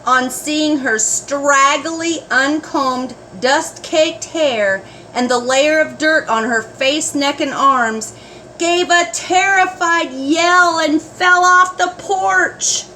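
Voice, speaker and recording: A grandmother with a high-pitched voice slowly and expressively reads a story aloud, addressing small children in grandmotherly asides as she goes. The low-quality recording has a little hiss or hum.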